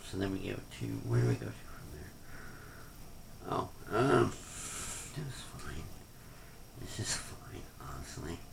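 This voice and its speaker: A man's voice: low-pitched, vocal fry, background noise. A man giving a casual, off-the-cuff rant review, rambling and hesitant, often trailing off, with a critical, unimpressed manner. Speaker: wrestling pay-per-view reviewer.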